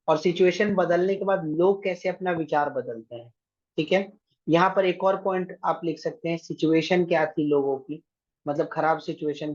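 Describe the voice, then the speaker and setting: A man's voice: fairly high pitch, a little mellow, dull audio. A man teaching an online exam-prep class, giving directions and often checking with his students. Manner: directive, keeps checking with "thik hai".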